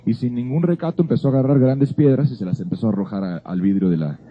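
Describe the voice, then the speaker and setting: A man's voice: medium pitch, quick pace, slight background noise. A man giving an earnest Bible teaching, telling a personal story in a conversational way. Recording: phone-like narrow sound.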